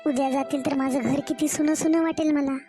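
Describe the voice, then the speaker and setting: Woman doing a cartoon village mother, high voice, fussing and coaxing, soft music underneath. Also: steady tone, fairly quick, lightly acted. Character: older village mother, doting and worried. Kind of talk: cartoon story voice acting.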